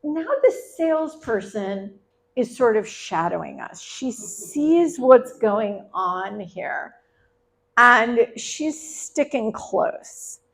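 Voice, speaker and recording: A middle-aged woman tells a personal story on stage at a live event. Her voice sits a little high with a gravelly crackle. She talks in a chatty, conversational way, tossing in asides to the crowd.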